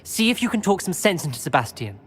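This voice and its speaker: Earnest worried witch in a game, lowish voice, long reverb, some music. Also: big pitch swings, fast, slightly rough. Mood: worried, urgent. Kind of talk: dramatic video game acting.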